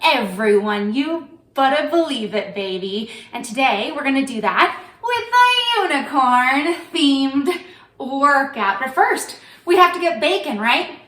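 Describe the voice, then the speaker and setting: A woman fitness coach presents herself to camera in a perky, theatrical way. Her voice is high and very animated, and the room echoes noticeably around it. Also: measured pace. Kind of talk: upbeat self-introduction to camera.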